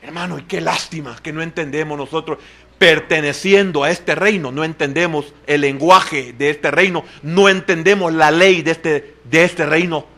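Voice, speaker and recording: A man preaching a sermon in church. He talks straight to the congregation and swings between loud exclamations and hushed asides. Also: fairly high pitch, fairly even intonation, normal speed. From El Salvador. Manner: addresses the congregation directly and often as "hermano". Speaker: pastor.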